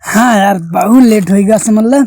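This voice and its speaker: A man's voice: high-pitched, normal speed, background noise. A man playing a whiny, rambling drunk villager with an Awadhi accent in an amateur comedy sketch. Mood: drunk whining.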